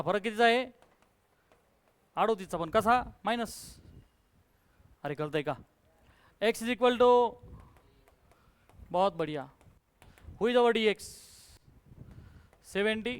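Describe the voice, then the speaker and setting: Brisk male maths teacher. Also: sits high, smooth. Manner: brisk, coaxing, quizzes students, calls them 'beta'. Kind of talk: classroom lecture with student call-and-response.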